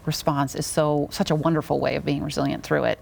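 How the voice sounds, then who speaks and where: Deep-voiced woman doctor interviewing someone, reflective, lots of mm-hmms. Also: little pitch movement, quick pace, vocal fry. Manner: warm, affirming, reflective, frequent mm-hmms. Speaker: interviewer, therapist and teacher. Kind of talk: interview conversation.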